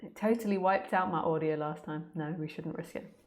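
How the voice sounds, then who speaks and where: With a low voice and a fairly quick pace, a woman acting as a spiritual teacher answers questions in an informal talk. She comes across as candid, plain-spoken and conversational.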